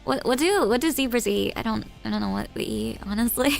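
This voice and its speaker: Woman, high-pitched, gravelly fry, giggly, rambling, casual stream chat. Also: animated, brisk, faint music behind. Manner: giggly, rambling, self-teasing. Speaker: live-stream host.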